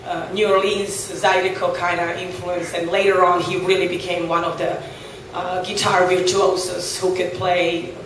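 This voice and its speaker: Interviewed on a boat, a blues guitarist from Serbia replies thoughtfully in accented second-language English, restarting often and using many fillers. He speaks at a moderate pace, medium-pitched and level, while the recording sounds echoey, far-off, and faintly noisy.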